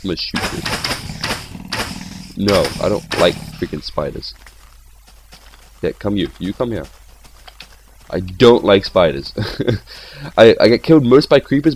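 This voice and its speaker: Young male gameplay host, deep voice, rambling and excitable. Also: unhurried, pauses often, husky. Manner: chatty and rambling, with excitable outbursts. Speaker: gaming channel host. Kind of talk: casual gameplay commentary.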